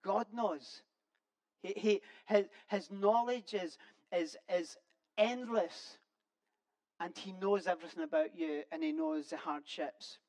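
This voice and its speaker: Preacher, sermon, conversational and earnest, halting delivery with frequent restarts. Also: medium pitch, a little mellow, rough recording.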